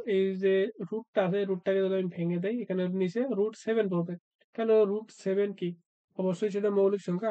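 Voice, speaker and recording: A man tutoring math for job exams, talking fast in a flat, level voice. His tone is mellow and dark, with a dry, close sound. The recording is a little dull and lo-fi. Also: high voice, dry recording. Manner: asks and answers his own questions, frequent "uh" fillers. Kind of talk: exam-prep math lesson.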